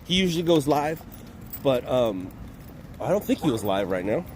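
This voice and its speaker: A man live-streaming from a city street, chatting quickly and repeating himself as he talks to people at a scene. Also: medium pitch, big pitch swings. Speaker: live-streaming news videographer. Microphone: phone on a car mount. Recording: loud traffic noise outdoors. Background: passing cars.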